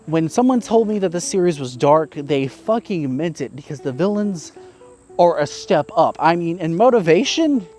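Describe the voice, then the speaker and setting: Chatty man with a higher voice. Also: lively intonation, normal speed, a little mellow, faint music behind. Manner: candid and chatty, with frequent fillers and mild swearing. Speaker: YouTube reviewer. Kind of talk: casual spoken review.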